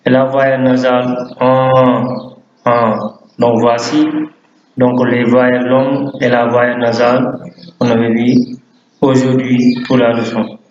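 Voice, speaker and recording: A man's voice: flat delivery, a little mellow, a little hiss or hum. A man teaching a language lesson, drawing out each word for pronunciation drills. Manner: drawn-out, drilled pronunciation of words. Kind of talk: slow, deliberate language lesson. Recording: echoey room, dull low-fi sound.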